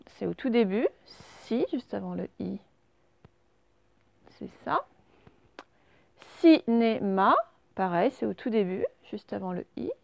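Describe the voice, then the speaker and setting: A woman teacher with a fairly high voice, a gravelly edge and very dry sound. She gives a reading lesson to small children, stretching each word out and checking they follow along. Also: a little mellow, no room sound. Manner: slow, carefully sounded-out words; patient, questioning teacher voice. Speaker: primary school teacher.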